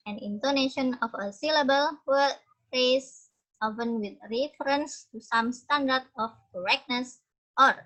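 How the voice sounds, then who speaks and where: A young woman with an Indonesian accent gives a university lecture. Her voice is bright and sits a little high. She speaks slowly and patiently, explaining each term. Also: rough recording. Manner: switches between English and Indonesian, explains terms patiently. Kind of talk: online class lecture.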